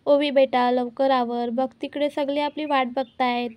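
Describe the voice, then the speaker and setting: A woman's voice: high voice, flat delivery, a little slow, dry recording, highs cut off. A woman reading the lines of a kindly but commanding grandmother in a TV serial retelling. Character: kindly, brisk grandmother of the house.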